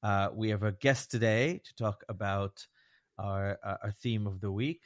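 American male host, lowish voice, dry close sound, halting and circling conversational delivery. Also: fairly even intonation, no room sound. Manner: halting, circling, frequent "right" and "like" tags. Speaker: host, rabbi. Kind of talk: conversational podcast hosting.

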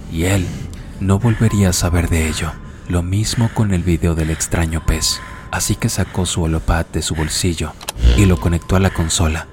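Male narrator, deep and measured, music bed. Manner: steady, measured storytelling. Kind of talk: scripted narration. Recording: music playing underneath.

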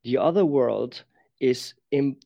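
A man who is not a native English speaker, talking reflectively as an interview guest in careful, halting English, searching for words. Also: medium pitch, vocal fry, warm tone. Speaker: interview guest, professional dancer. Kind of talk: reflective conversation. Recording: dull lo-fi sound.

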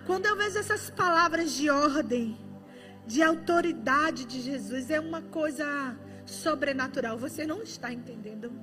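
A woman's voice: sits high, moderate pace, over music. A woman preacher giving a fervent, emotional sermon, her voice often breaking with tears.

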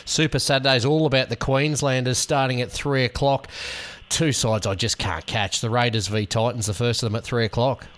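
Matey Australian man hosting radio, mid-pitched. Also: fairly even intonation, moderate pace, fairly bright tone. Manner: informal, matey. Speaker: fill-in radio host. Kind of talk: casual sports radio interview.

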